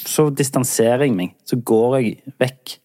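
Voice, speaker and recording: A man from Norway with a mid-range voice chats on a podcast. He digs in with follow-up questions and keeps the talk going with quick nods of agreement. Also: mid-range voice, warm tone. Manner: probing follow-up questions, brief affirming interjections. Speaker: podcast co-host. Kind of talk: casual podcast chat.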